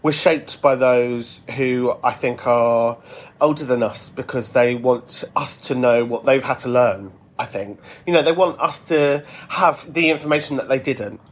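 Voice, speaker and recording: A man's voice: mid-range voice, measured pace. A man with a British accent hosting a podcast, talking casually and reflectively as he answers listeners. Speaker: podcast host. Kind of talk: casual chatty monologue answering listener messages.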